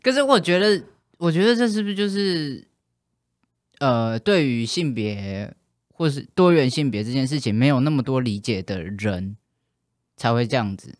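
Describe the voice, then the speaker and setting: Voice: mid-range voice, animated, moderate pace, no room sound, clean studio sound. A speaker chatting casually and asking questions, dropping in the odd English word. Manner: inquisitive, mixes in English words. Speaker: conversation partner asking questions. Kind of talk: casual chat.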